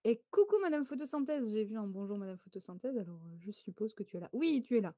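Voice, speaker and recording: A woman's voice: fairly high pitch, expressive, quick pace, mellow, dry recording, studio quality. Chatty woman hosting a stream quiz. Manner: chatty, laughs often, greets chat viewers. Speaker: quiz host on a live stream. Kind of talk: casual live-stream quiz chat.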